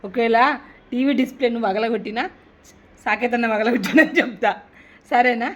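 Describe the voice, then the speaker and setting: A woman's voice: a little high, fairly even intonation, a little fast, muffled recording. A woman, teasing and coaxing a kid after a prank, pressing him with questions. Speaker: prank vlogger. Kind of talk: casual teasing chat.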